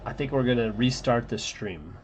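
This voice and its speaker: A man with a mid-range voice hosts a relaxed livestream while drawing comics, talking haltingly to co-hosts who can't be heard. Slight background noise is present.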